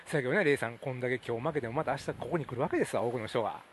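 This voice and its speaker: A man with a Kansai accent co-hosting a podcast, joining in with animated, quick banter. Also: medium pitch, slight background noise. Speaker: podcast co-host. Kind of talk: casual chat.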